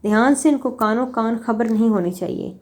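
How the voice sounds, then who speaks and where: A woman's voice: fairly high pitch, lightly acted. A woman doing a firm male officer on the phone. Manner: authoritative, instructing. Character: male officer in charge, giving orders by phone.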